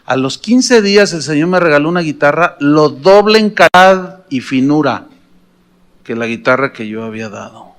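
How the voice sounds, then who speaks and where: A man's voice: a little high, expressive, normal speed, clear, resonant tone. A middle-aged man with a Mexican accent preaching a sermon, telling a personal story with humor and questions to the congregation. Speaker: pastor.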